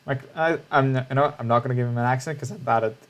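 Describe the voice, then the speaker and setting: A male streamer talks through a video game in a loose, chatty way, answering his chat as he goes. His pitch is ordinary, at a middle level, and he often stops and restarts his sentences. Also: very fast.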